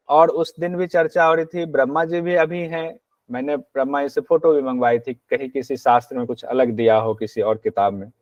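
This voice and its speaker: Man teaching yoga scripture, slightly high voice. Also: no echo, dull audio. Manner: slow measured Sanskrit recitation, then explains in plain talk; asks and answers his own questions. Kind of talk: exam-prep lecture on a yoga text.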